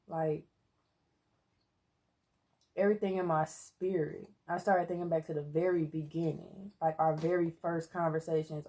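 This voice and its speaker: A woman with a fairly low voice talks casually while she eats on camera. Her tone is earnest and emphatic, and she now and then breaks into loud exclamations. She is on a close mic meant to pick up eating sounds. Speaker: mukbang co-host.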